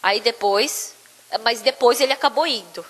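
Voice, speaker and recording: A woman's voice: a little high, moderate pace. A woman telling a story as part of a sermon in a church, acting out the quotes with energy. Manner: lively, acts out quotes. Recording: long church hall reverb.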